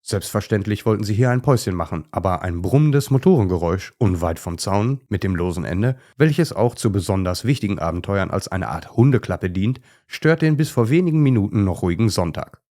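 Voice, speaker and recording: A man narrating a children's audio story with a low voice. He reads steadily and clearly. The manner is calm and even. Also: a little fast, hardly any pauses.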